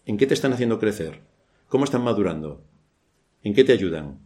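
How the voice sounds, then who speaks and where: A man's voice: on the low side, expressive, brisk, darkish tone. A man from Spain with a Spanish accent preaching a church sermon, asking rhetorical questions and adding dry ironic asides.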